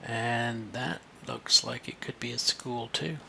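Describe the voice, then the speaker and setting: A man's voice: mid-range voice, steady tone, slow pace, vocal fry, bright, forceful tone, slight background noise. A man teaching a screen-share lesson for kids, chatty and thinking aloud as he points things out.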